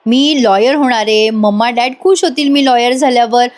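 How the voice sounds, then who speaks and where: A woman's voice: on the high side, normal speed, natural voice. A woman voicing a grown man, a caring older brother who coaxes and pleads with affection. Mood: pleading. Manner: coaxing, affectionate, emotional.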